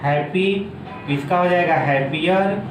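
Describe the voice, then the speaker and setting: A man teaching English grammar in a video lesson, going slowly step by step and repeating each word form. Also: high voice. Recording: echoey room with faint background noise.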